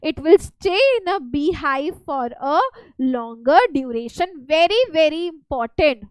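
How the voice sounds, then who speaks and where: A woman's voice: sits high, unhurried, a little mellow, no room sound. A woman with a North Indian accent teaching a live revision lesson as a school science teacher, repeating key phrases and often checking in with students.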